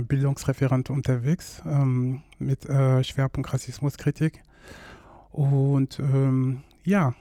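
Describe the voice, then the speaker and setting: Male guest, high and mellow voice, dry recording, halting delivery. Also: no echo. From France. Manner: hesitant, many fillers and repeated "genau". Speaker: guest, educator.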